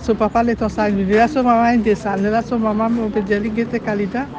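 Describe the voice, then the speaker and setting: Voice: mid-range voice, little pitch movement, fast, background noise. Someone rambling through an account in a street interview. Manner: rambling, repetitive telling. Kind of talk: street interview recounting events. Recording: dull outdoor street recording.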